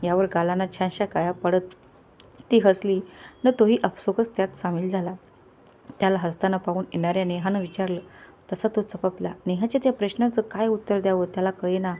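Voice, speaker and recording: Briskly and with a steady, dark-toned medium-pitched voice, a woman reads a family story aloud as scripted narration. She voices each character's dialogue herself in a lightly altered voice.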